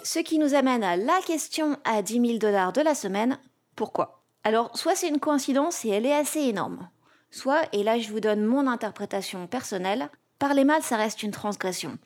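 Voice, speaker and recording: A woman's voice: on the high side, animated, moderate pace. A woman from France hosting a podcast, reading a scripted, playful commentary in punchy rhythmic lists. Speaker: podcast host. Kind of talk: scripted comic narration.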